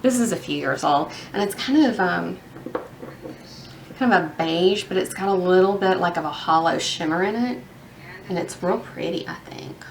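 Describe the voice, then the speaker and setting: A woman's voice: fairly low pitch, lively intonation, moderate pace, vocal fry, a little hiss or hum. Chatty woman vlogging while painting nails. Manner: chatty, rambling, many fillers. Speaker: beauty vlogger.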